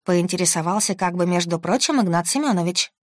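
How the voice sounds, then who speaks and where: Woman reading a story, steady and low, really dry close sound. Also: brisk, no echo. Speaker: audiobook narrator. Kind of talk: scripted first-person narration.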